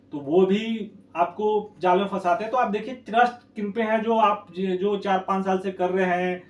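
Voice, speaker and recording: Blunt, high-voiced man in an echoey room. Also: lo-fi sound. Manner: blunt, scolding, repeats "thik hai". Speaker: education consultant. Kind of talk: warning talk to camera. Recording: echoey room, distant mic.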